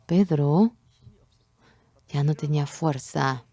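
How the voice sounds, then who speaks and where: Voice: medium pitch, slow. A speaker interpreting a Bible sermon, telling the story expressively and acting out the quoted lines. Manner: expressive storytelling, acts out quotes and rooster calls.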